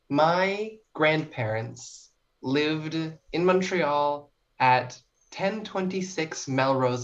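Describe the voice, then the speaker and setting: A deep-voiced young woman guests on a podcast, chatting informally and reflecting on herself as a short story writer. The audio sounds dull.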